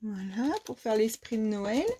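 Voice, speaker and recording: In a slightly high, dark, slightly rough voice at a measured pace, a vlogger from France presents what she bought in a casual show-and-tell. She hesitates often, using many fillers and restarting sentences.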